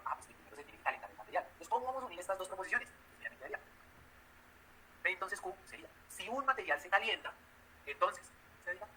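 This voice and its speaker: A man lectures on logic, quizzing his students with everyday examples. His voice sits high and sounds very bright. He talks fast, with a faint hiss of noise behind him. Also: rough recording. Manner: explains step by step with everyday examples and questions. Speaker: math teacher. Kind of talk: classroom lecture.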